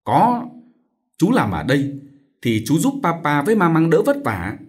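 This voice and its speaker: A man's voice: a little high, huge pitch swings, moderate pace, slightly rough, voice pushed up, heavily acted. A man voicing a young girl who pleads tearfully. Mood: pleading.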